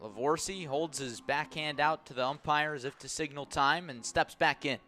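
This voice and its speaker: Working a broadcast mic up close, a man gives live radio play-by-play of a baseball game in clipped, punchy lines. His pitch runs on the high side, and he keeps a moderate pace with a pushed, bright sound.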